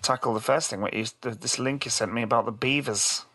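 A man's voice: mid-range voice, steady tone, fairly quick, sharp tone. A man with a British accent co-hosting a podcast in casual chat, rambling and self-deprecating, with plenty of swearing. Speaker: podcast co-host.

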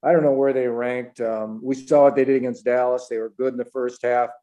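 Male sports analyst host, mid-pitched, matter-of-fact, clipped delivery of figures and ratings. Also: steady tone, fairly quick, warm tone. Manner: clipped, matter-of-fact, short list-like phrases. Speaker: football analyst and show host.

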